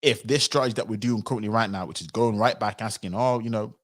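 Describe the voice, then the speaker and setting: A man giving animated livestream commentary, sometimes acting out other people's voices. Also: on the low side, fast. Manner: animated, acts out quoted voices.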